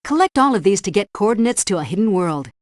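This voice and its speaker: A woman voices a composed, helpful helpdesk operator for a spy agency in a video game, delivering scripted tutorial instructions in a precise briefing style. Her medium-pitched voice is sing-song and fast, lightly acted, and the recording is dry and studio quality. She sounds composed and instructive throughout.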